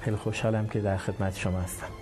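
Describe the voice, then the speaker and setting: A man's voice: lowish voice, flat delivery, a little mellow, soft background music. A man from Iranian Azerbaijan, a comedy actor who is a guest on the show, earnestly explaining his side at length. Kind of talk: explanatory interview answers.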